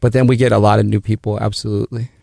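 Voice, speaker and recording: A man's voice: lowish voice, level tone, racing, gravelly, dark tone, no room sound, studio quality. A middle-aged man from El Salvador, a native Spanish speaker, talking as a guest in a radio interview, with many restarts and fillers. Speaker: guest, business founder.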